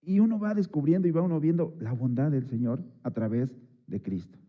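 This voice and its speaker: A man's voice: on the high side, fairly quick, phone-quality sound. A man preaching a Sunday sermon in a chatty way, with many fillers and rhetorical asides to the congregation. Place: church service.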